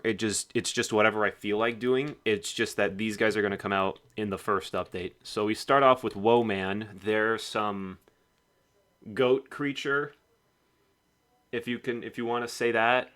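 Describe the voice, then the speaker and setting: A man's voice: on the low side, moderate pace, bright, forceful tone. A man casually narrating a game devlog in a rambling, offhand way. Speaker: game developer.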